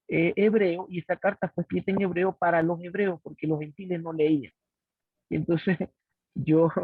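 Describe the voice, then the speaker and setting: A man in a study class asking a hesitant, halting question over a crackly phone line. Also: high voice, husky, no room sound. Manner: hesitant, halting, full of pauses and restarts. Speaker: student in a Bible study class. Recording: tinny phone-like line, dry.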